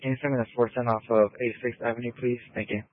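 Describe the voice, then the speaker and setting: Fast, flat male officer on police radio. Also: mid-range voice, no room sound. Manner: quick, flat radio request. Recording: tinny distant radio transmission.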